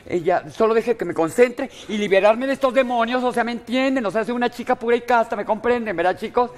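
A woman's voice: on the high side, quick pace, in a large hall, lightly acted. A woman with a Mexican accent playing a vain, dramatic blonde actress in a live comedy sketch, gushing and calling everyone "mi vida". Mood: diva huffing. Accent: Mexican Spanish. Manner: campy, gushing, peppers lines with "mi vida" and "hello". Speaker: comedy performer.

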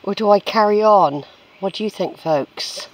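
Recorded on a handheld camera's own microphone, the audio quality is poor. A walking vlogger on a woodland track outdoors chats casually and muses aloud in rambling commentary, using a medium-pitched voice at a measured pace.

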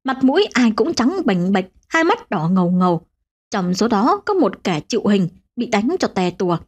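A woman narrating a ghost story for a channel, with expressive storytelling. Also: moderate pace, breathy edge. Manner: expressive, swinging pitch.

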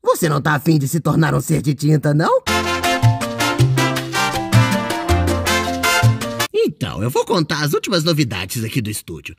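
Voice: medium pitch, huge pitch swings, fast talker, gravelly, over loud music. A performer voicing a mischievous, boastful male ink demon in character while commenting on a game, with a playful, exclamatory manner.

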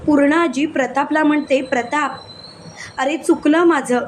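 Brief: woman narrator, high bright voice, recaps a serial, reads every role in her own voice, faint background hum. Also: normal speed. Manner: steady narration, voicing each character's lines plainly. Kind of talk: retelling a serial with read-out dialogue.

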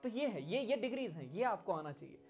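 A man's voice: high-pitched, big pitch swings, fairly quick, darkish tone, slightly rough. A man with an Indian accent giving a spoken music lesson, acting out emotions and lines of dialogue as he explains. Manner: demonstrative, acts out emotions and lines. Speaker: music teacher.

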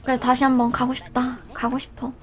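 A woman's voice: sits high, monotone, brisk, loud music behind the voice. A young woman streaming a game, chatting playfully and teasing her viewers and teammates. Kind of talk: live game streaming chat.

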